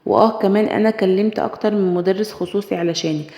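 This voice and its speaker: Helpful young male teacher, voiced by a woman narrator; mellow, fast. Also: medium pitch, natural voice. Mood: polite. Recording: echoey room with long reverb.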